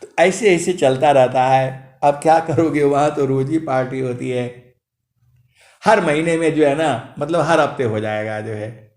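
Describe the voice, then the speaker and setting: A spiritual preacher in his late fifties, with a mellow mid-range voice, tells anecdotes with a chuckle and chants couplets in a long, drawn-out tune between them. This storytelling sermon with sung verses was recorded in an echoey room.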